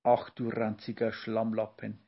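A man's voice: fairly low pitch, completely flat delivery, a little slow. A man voicing a bewildered female creature mother, on a dull lo-fi recording. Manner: wondering, exclaiming.

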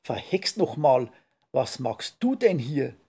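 A man's voice: medium pitch, sing-song, takes it slowly, mellow, husky, full character voice. A man voicing a grumpy, wrinkled old witch who grumbles and scolds, in a read-aloud story.

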